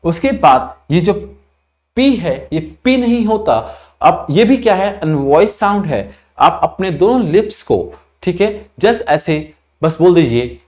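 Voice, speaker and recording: A man's voice: sits high, lively intonation, darkish tone. Indian male tutor drilling pronunciation. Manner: explanatory, repeats words slowly to model pronunciation; frequent check-ins like "thik hai". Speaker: vocabulary teacher. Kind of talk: online vocabulary lesson.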